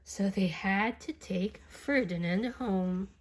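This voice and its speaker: A woman with a medium-pitched voice reads a children's picture book aloud as an expressive storyteller. She takes her time and speaks directly to a young listener.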